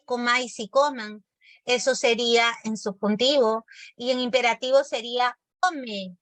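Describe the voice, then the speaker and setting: A woman teaching a live online grammar class, her voice sitting a little high. She explains step by step, keeps asking whether the pupils follow, and calls them by pet names. The sound is close and dry, with no room around it. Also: fairly bright tone, no room sound. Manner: explanatory, affectionate with pupils, checks understanding often. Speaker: language teacher.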